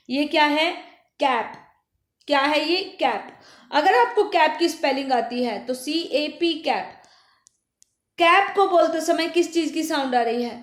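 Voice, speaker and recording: A woman teacher giving a primary school phonics lesson, asking questions and answering them herself, repeating words slowly. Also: sits high. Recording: echoey room.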